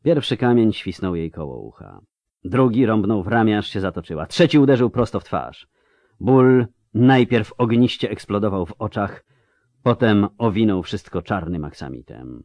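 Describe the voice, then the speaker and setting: A man's voice: on the low side, animated, normal speed, darkish tone, no echo. A man narrating a fantasy audiobook with a dramatic, varied delivery.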